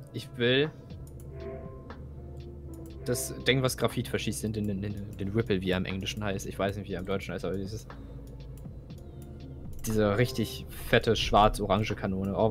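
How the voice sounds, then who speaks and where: Over background music, a young man talks through a video game session with a friend, musing aloud and repeating words as he searches for them. He speaks in a lowish voice at an ordinary pace, with fairly even intonation and long pauses.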